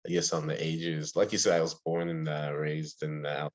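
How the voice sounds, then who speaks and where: A man's voice: extremely low pitch, level tone, normal speed. A young man from Ohio, a podcast guest on a video call, telling stories eagerly with many fillers. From Ohio, USA. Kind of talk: casual interview chat. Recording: dull lo-fi call audio.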